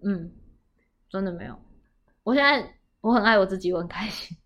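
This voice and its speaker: A woman with a Taiwanese Mandarin accent hosting a podcast in casual chat, telling stories in an animated way and acting out quotes loudly. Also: mid-range voice, a little fast. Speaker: podcast host.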